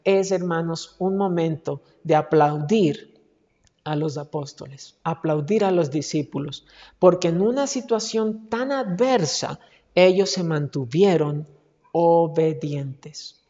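Man preaching, slow, higher voice, dramatic, dull lo-fi recording with long hall reverb. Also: dark tone. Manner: dramatic, calls "hermanos" often, acts out scripture. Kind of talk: sermon.

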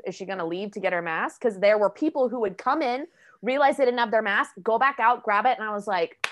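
Animated, swearing young woman storyteller. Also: on the high side, brisk. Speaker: podcast co-host. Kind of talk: casual chat.

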